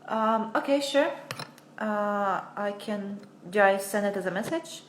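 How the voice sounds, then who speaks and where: A woman's voice: medium pitch, unhurried, slight background noise. A young American woman teaching English on a casual livestream, chatty and hesitant, often laughing at herself, talking from home into a phone. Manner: chatty, hesitant, self-deprecating. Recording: roomy echo.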